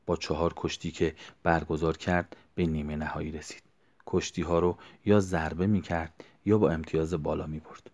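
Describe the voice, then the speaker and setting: A man narrating a story in a quiet, hushed way that often drops near a whisper. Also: rumbling low, little pitch movement.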